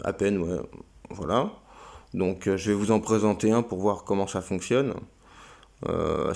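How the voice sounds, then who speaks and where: On his own crypto channel, this host shows viewers around a website in a relaxed screen recording. His voice sits on the low side with vocal fry and a darkish tone, and his delivery is hesitant and packed with fillers.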